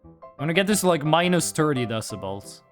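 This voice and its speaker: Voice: mid-range voice, sing-song, fairly quick, soft background music. A video game streamer giving casual live commentary, joking around, talking to chat and swearing casually.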